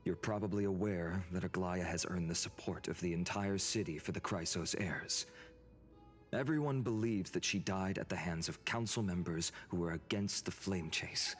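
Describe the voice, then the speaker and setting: An actor playing an earnest young hero in a video game, speaking politely and in a measured way. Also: male voice, low-pitched, soft background music, natural voice. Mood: serious, measured.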